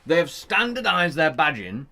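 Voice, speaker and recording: A man co-hosting a laid-back car news chat, joking between facts and reading out dry press text. His voice is bright and sits a little high. His pitch swings widely as he talks. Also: big pitch swings, moderate pace, gravelly. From United Kingdom. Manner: chatty, joking, reads press release aloud. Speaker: podcast co-host. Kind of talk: casual chat. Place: shed.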